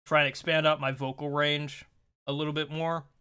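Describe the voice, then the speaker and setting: A man's voice: on the high side, flat delivery, moderate pace, sharp tone, clean tone. A man hosting a casual gameplay video, chatting in a rambling, self-deprecating way. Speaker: let's-play host.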